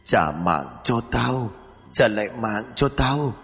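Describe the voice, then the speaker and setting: A man voicing a vengeful, bloodied young female ghost who slowly and mournfully chants her accusation, with a husky voice over faint music. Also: on the low side, lively intonation, fairly bright tone, long reverb tail, exaggerated voice.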